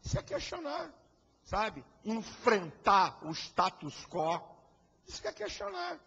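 Husky, high-pitched man preaching fiercely. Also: huge pitch swings, takes it slowly, sharp tone. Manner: fiery, combative preaching with rhetorical questions. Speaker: pastor. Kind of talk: sermon. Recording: echoey hall, dull lo-fi sound.

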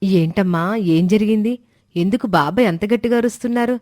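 An eager, questioning young daughter with a high, strained voice, as a male narrator puts her on. Close and dry sound. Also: fairly quick, darkish tone, no room sound, lightly acted. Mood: worried.

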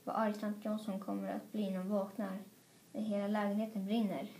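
A woman reading a children's story aloud in an expressive, playful way. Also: medium pitch, slight background noise. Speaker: storybook reader. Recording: roomy echo.

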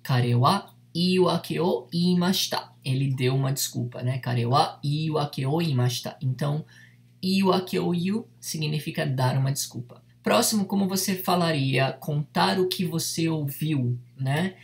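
A Japanese teacher leads an online lesson. The voice has a gravelly, fry-edged texture. The delivery is patient, with each word repeated slowly and steady check-ins with the learner. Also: mid-range voice.

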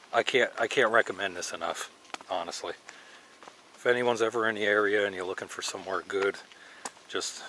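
Filmed on an action camera, a middle-aged man hikes through forested mountain trails and talks casually and eagerly, thinking out loud as he walks. His fairly low voice is bright and forceful, with a touch of hiss or hum in the audio.

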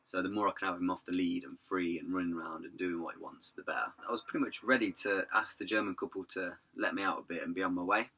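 A hoarse man, telling his vanlife story in a rambling, chatty way. He says he is losing his voice. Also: sits low, steady tone, fast talker, few pauses, bright, forceful tone. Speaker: vanlife vlogger. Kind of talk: casual vlog narration.

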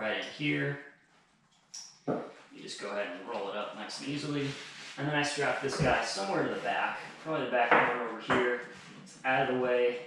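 A man in his thirties gives a casual how-to while he works, at an ordinary middle pitch. He talks in a relaxed way and often doubles up his words. He is recorded by a camera across a small bare room with strong echo, and the camera is sometimes held close. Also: slight background noise. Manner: relaxed, repeats words as he goes. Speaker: outdoor gear channel host. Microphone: camera on a stand across the room, later held close.

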